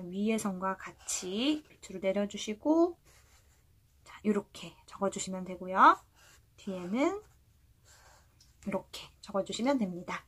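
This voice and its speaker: Husky-voiced woman teaching with lively pitch. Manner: patient, slow model readings for repeating aloud; asks the viewer questions and answers them herself. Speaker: Chinese language teacher. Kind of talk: lesson.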